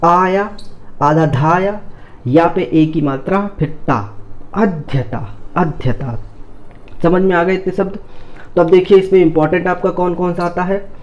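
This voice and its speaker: A man teaching a spelling lesson, spelling out each word slowly, repeating it and asking whether students understood. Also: high-pitched, a little mellow, lo-fi sound. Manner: slow, repeats each word several times, checks understanding.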